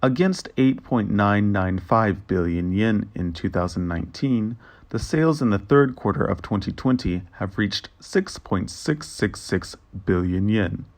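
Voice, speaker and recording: A man reading scripted financial narration as an interpreter's voice-over, in a formal and measured manner. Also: fairly low pitch, lively intonation.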